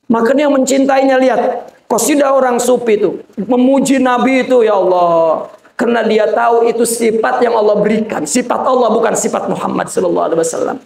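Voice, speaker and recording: High-voiced man preaching in an echoey room. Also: a little fast, gravelly, darkish tone. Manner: colloquial, joking asides, addresses listeners as "Pak". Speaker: sheikh preaching to a gathering. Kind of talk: informal religious sermon. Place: Islamic boarding school gathering.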